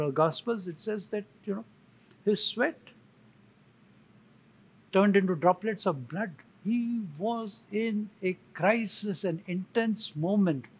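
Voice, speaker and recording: Husky guy preaching real slow, kinda high voice, leans hard on repeated words. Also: low-quality recording. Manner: slow, emphatic, with dramatic pauses and repetition. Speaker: church elder preaching. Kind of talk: sermon.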